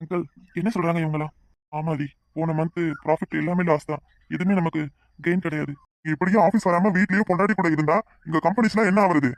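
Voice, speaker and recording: A man voicing a stern businessman partner in a cartoon, questioning briskly and demanding answers. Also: fairly high pitch, steady tone, dry recording, close to an everyday voice.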